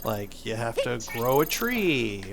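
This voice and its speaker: A family gaming video host speaks slowly in a creaky, mid-range voice, yet he sounds very animated. He chats casually and playfully over the gameplay, explaining things patiently while video game music plays.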